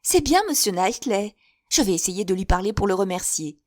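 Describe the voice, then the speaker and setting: A woman's voice: medium pitch, expressive, normal speed, no echo, clean studio sound, close to an everyday voice. A woman voicing a chattering, effusive older spinster who gushes in breathless run-on talk. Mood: gushing.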